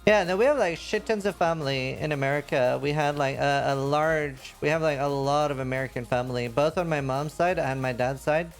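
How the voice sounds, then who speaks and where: A man's voice: a little high, fairly quick, few pauses, faint music behind. A man from Norway, a game streamer rambling in casual chat, full of fillers and restarts.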